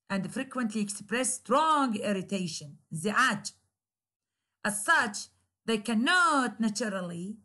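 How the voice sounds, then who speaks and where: Woman lecturer, Iraqi Arabic accent, slightly high voice, slow and deliberate, repeats her examples. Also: fairly bright tone. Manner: slow, repeats key phrases and example sentences. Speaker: English grammar lecturer. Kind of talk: recorded university lecture.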